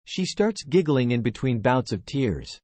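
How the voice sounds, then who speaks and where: Man, audiobook narrator, mid-pitched, very lively intonation, dry close sound. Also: a little slow, no room sound. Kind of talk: scripted first-person audiobook narration.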